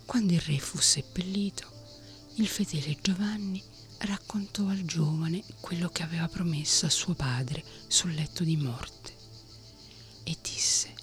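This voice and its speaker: A woman reading a bedtime fairy tale in a soft whispered role-play. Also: lowish voice, measured pace, faint music behind. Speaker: bedtime storyteller.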